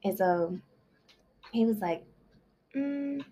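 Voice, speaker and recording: A husky, lowish female voice at normal speed belongs to a book summary vlogger giving a casual story recap of a novel. She rambles with fillers like "like" and "you know" throughout.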